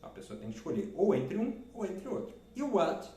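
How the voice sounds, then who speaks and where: A man teaching English, repeating key words and reading the example sentences slowly. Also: high-pitched, huge pitch swings, warm tone. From Brazil. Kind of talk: explaining English lessons in Portuguese. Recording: roomy echo.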